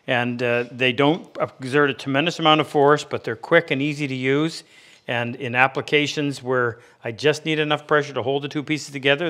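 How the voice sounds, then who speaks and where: In a workshop, a man in his fifties teaches woodworking through a practical, hands-on demonstration, explaining things plainly and off the cuff. His voice is medium-pitched and fairly bright, with slight background noise.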